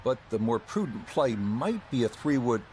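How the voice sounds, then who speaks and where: A man playing a composed golf commentator in a video game, measured and informative in his delivery. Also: mid-range voice, big pitch swings, darkish tone, a little hiss or hum, lightly acted. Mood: composed, approving.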